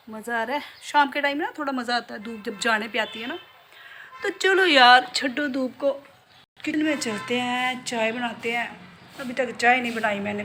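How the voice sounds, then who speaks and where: A woman's voice: on the high side, bright, forceful tone, slight background noise, rough recording. A middle-aged woman chatting playfully to her viewers in a casual home vlog. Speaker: vlogger.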